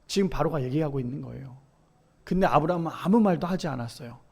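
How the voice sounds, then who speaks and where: A male pastor preaching a sermon, animated and acting out scripture dialogue. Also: fairly high pitch, fast talker, creaky, husky. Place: church.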